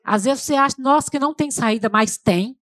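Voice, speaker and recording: A middle-aged woman with a Brazilian Portuguese accent preaches an emotional testimonial sermon in church, speaking conversationally and often calling out to the congregation as "gente". Her voice is high and a bit bright, a little fast, with no echo.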